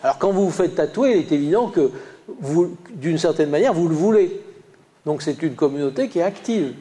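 A man lecturing a class in a somewhat high yet mellow voice, with a light Lyonnais accent. He stops and starts often, filling gaps with hesitant sounds. He talks the listeners through slides. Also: lively intonation, moderate pace. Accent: Lyonnais French, slight. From Lyon, France. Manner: hesitant, many "euh" fillers and restarts.

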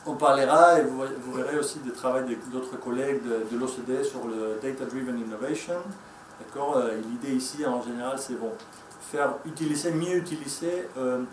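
In an echoey conference room, recorded from far off with slight background noise, a man speaks at normal speed in a steady, mid-range voice. A native Spanish speaker with an accent to match, he presents hesitantly, with frequent fillers and restarts.

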